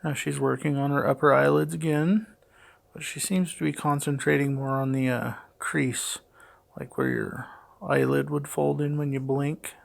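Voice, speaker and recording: A middle-aged man with a gravelly voice and heavy audible breathing, giving hesitant, puzzled, matter-of-fact unscripted play-by-play narration. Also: on the high side, flat delivery, moderate pace. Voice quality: gravelly, creaky. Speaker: father doing a voice-over for his daughter's makeup video.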